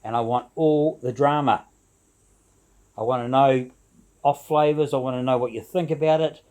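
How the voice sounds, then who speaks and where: Mellow, chatty man talking homebrew-vlog style. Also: medium pitch, steady tone, normal speed. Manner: chatty, jovial, informal slangy talk. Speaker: homebrew video blogger. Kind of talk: casual rambling chat to camera.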